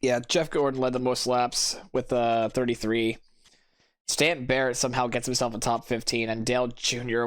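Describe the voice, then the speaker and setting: A sleepy, tired man giving casual let's-play commentary, self-critical and rambling with many restarts. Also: mid-range voice. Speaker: gameplay commentator. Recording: loud game engine noise behind. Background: racing game engine noise.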